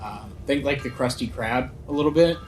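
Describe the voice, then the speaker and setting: A man running a tabletop game as game master, describing scenes in a halting, improvised way. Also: mid-range voice, a little hiss or hum.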